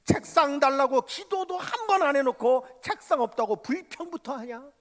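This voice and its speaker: A man's voice: very high voice, animated, normal speed, a bit bright, voice pushed up. A man preaching in a sermon, voicing a stern, fatherly divine voice that admonishes a young preacher. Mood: scolding. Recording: long church hall reverb.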